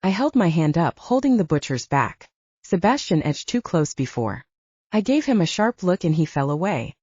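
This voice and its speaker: Narrating a first-person audiobook at normal speed, a woman with a lower, mellow, slightly rough voice sounds very animated, her pitch moving a great deal. The sound is dry and a bit dull, reminiscent of a lo-fi home recording.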